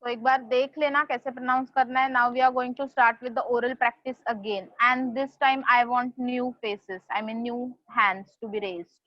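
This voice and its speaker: A woman teaching an online class, speaking slowly and deliberately and spelling out how each word is pronounced. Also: fairly high pitch, fairly even intonation, no echo. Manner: slow, deliberate, spells out pronunciation. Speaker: Sanskrit tutor. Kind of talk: online class lecture mixing Hindi and English. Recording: dull lo-fi sound.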